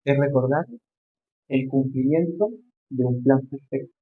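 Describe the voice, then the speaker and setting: A male pastor preaching a sermon, rising into emphatic questions and slowing to stress key phrases. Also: medium pitch, fairly even intonation, narrow, tinny audio.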